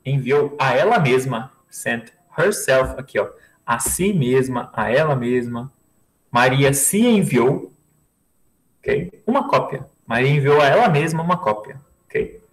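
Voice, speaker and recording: Slow, patient male English teacher. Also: mid-range voice, lively intonation, low-quality recording. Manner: patient, repeats each word and phrase slowly for students. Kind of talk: online language lesson.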